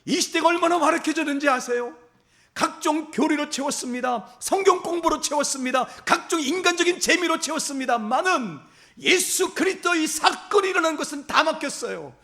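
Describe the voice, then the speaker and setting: A man's voice: very high-pitched, animated, brisk, gravelly, pushed and bright. A man preaching a Sunday sermon as pastor, urging his congregation with impassioned, repetitive exhortation and rising emphasis. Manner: addresses the congregation directly as "everyone".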